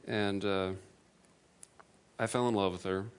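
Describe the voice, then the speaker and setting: A man giving a personal testimony to an audience, earnest and self-deprecating, with halting restarts. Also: on the low side, steady tone, smooth. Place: room with an audience.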